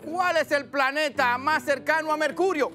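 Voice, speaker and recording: A man's voice: extremely high pitch, normal speed, sharp tone, faint music behind. A man with a Dominican accent hosting a live children's quiz show, playful, laughing often and singing little drum-roll countdowns.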